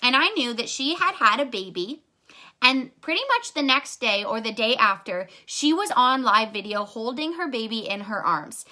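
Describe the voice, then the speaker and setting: Young woman, live video motivational talk, earnest, encouraging, slightly out of breath, bright tone. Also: fairly high pitch, lively intonation, normal speed. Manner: earnest, encouraging, talks straight to viewers. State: a little out of breath. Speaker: online business coach.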